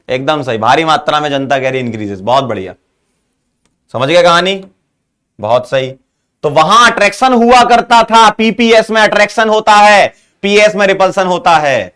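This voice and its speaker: Man teaching chemistry, coaxing, higher voice. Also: fairly bright tone. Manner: coaxing, asks students questions and praises them. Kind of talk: online chemistry lesson.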